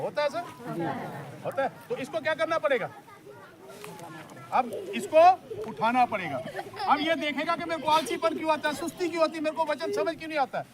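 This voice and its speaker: A man preaching an outdoor sermon by a river, urging the crowd to repeat his lines back to him. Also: very high-pitched. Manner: exhorting, leads call-and-response with the crowd. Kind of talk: outdoor sermon at a church picnic. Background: crowd of listeners.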